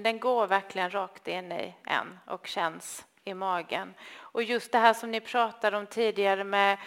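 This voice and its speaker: A woman's voice: medium pitch, fairly bright tone. A woman host chatting thoughtfully about a passage that was just read. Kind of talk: casual chat about literature.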